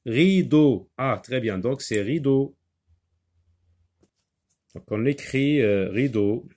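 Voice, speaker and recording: A man's voice: medium pitch, takes it slowly, darkish tone. A man teaching a reading and handwriting lesson, patiently talking the class through each step.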